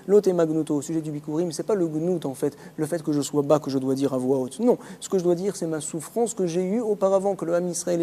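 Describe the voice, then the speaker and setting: A man with a French accent teaching a word-by-word Talmud lesson, explaining the text quickly and mixing in Hebrew and Aramaic terms. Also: on the high side, warm tone, long reverb tail.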